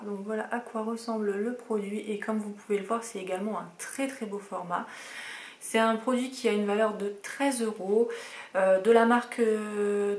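Chatty female unboxing host, mid-range voice, recorded in a reverberant room. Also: medium pitch. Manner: chatty, enthusiastic, many hesitations. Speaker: beauty box reviewer. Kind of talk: casual unboxing chat. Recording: roomy echoey room.

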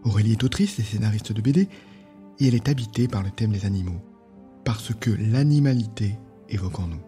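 A male podcast host reading a fantasy novel aloud in a calm, measured narration. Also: lowish voice, soft background music.

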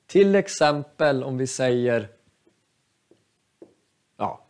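A man teaching a pronunciation lesson, speaking slowly and carefully and repeating each example word for learners. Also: medium pitch, animated, darkish tone, clear, resonant tone. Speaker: Swedish language teacher.

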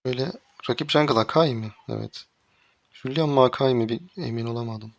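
Male streamer, live gameplay commentary, blows up at teammates, medium pitch, dry and close. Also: a little fast, creaky, no room sound. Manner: exasperated, shouts at teammates.

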